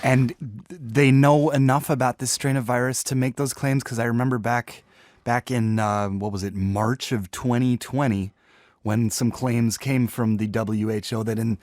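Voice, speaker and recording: A man's voice: mid-range voice, fairly even intonation, darkish tone, dry recording, clean studio sound. A man co-hosting a science podcast who asks curious follow-up questions in a casual, joking way. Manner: curious, questioning, quick to joke. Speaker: podcast co-host asking questions. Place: studio.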